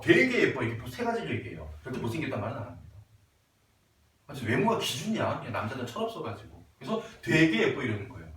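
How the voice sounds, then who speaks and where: A man's voice: fairly high pitch, distant mic. A man teaching Korean literature to students, chatty, telling stories about himself and his students and acting out the exchanges. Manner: chatty, acts out students and himself in quoted asides. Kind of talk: classroom lecture with anecdotes. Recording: roomy echo from off-mic.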